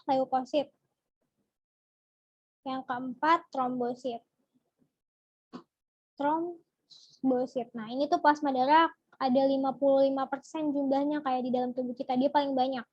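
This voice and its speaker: A young woman runs a relaxed online biology class, tossing questions to her viewers and answering them as they come in. Her voice sits high and bright. The sound is dry and a little dull, like a simple home setup. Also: no echo. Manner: chatty, asks the viewers questions and answers from chat. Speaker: biology tutor. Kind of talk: casual online biology lesson.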